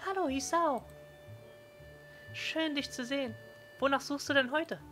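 An eager, secretive young woman librarian played by a man in a visual novel game. The voice is very high and breathy, like someone sharing a secret, often sinking into a conspiratorial whisper. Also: measured pace, sharp tone, faint music behind, exaggerated voice. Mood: friendly.

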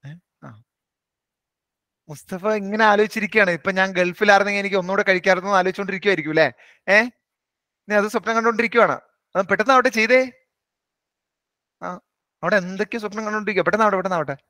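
A man teaching a live online maths class, briskly quizzing and coaxing students by name. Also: sits high, pushed and bright, no room sound.

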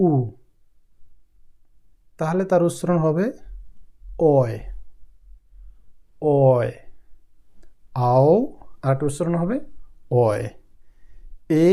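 Male tutor, unhurried, warm low tone, spells and repeats sounds patiently. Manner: spells letters one by one, repeats each sound. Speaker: German language teacher. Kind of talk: slow spelling-out lesson.

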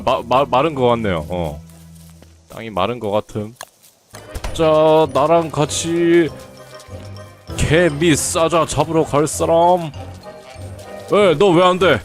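A man casually commenting on his own gameplay, chatting to viewers and teasing the characters on screen. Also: on the high side. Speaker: game streamer. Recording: faint game music behind.

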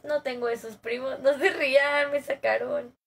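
A woman's voice: sits high, fairly even intonation, normal speed, gravelly, a bit bright. A young woman with a Mexican accent, chatting casually and playfully with slang while streaming a game. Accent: Mexican Spanish. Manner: playful, slangy, laughing asides. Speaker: gaming streamer. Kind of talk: casual gaming stream chat.

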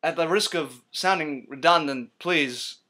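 A man voicing a gruff masked vigilante in a stiff, mock-solemn parody voice. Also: fairly high pitch, unhurried, sharp tone.

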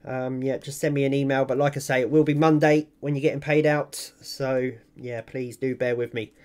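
A man's voice: mid-range voice, level tone, moderate pace, darkish tone, smooth. A man hosting an online prize draw, announcing winners in a casual, chatty, informal way and talking directly to viewers. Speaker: online giveaway host and video channel owner.

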